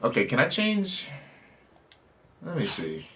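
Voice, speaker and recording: A man's voice: medium pitch, wildly swooping pitch, slow, bright, forceful tone, slight background noise. A man casually commenting on a game he is playing, chatty and wisecracking as he reacts to the screen. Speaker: streamer. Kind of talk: casual let's play commentary.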